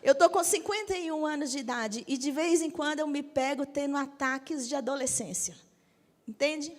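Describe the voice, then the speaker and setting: A woman in her fifties, a Methodist bishop, preaches at a moderate pace in a high-pitched voice. Her sermon is direct, peppered with questions asking the audience if they agree, and it echoes with a long hall reverb.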